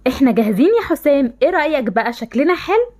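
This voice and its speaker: A woman's voice: high-pitched, expressive, racing, mellow. A woman voicing an offhand, dismissive mother. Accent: Egyptian Arabic. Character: indifferent mother who favors one daughter. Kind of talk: voiced game-animation story.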